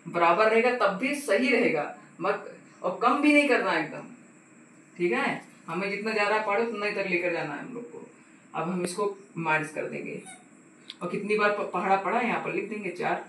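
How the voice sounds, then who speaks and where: High, bright-voiced man tutoring in an echoey room. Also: normal speed. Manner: patient, repeats "ठीक है" and asks the viewer questions. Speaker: math tutor. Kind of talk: casual step-by-step math lesson. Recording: echoey room, voice from a distance, faint hiss.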